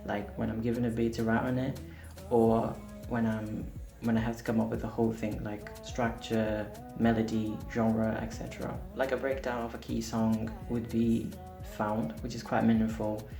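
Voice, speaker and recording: A man's voice: fairly low pitch, little pitch movement, moderate pace, gravelly. A man whose first language is Portuguese, a singer-songwriter talking candidly and a little self-deprecatingly to camera in a casual vlog. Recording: roomy echo with music behind.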